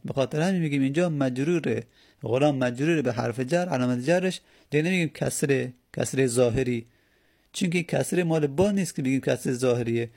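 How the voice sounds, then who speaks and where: A man's voice: mid-range voice, creaky, darkish tone, breathy edge. A man teaching a grammar lesson, patiently explaining step by step and answering his own questions.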